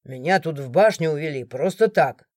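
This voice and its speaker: A woman voicing a rowdy drunk townsman who blusters and threatens in a lower voice in a storybook reading. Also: expressive, normal speed, darkish tone, no room sound, clean studio sound. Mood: blustering. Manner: blustering and threatening, then fawning.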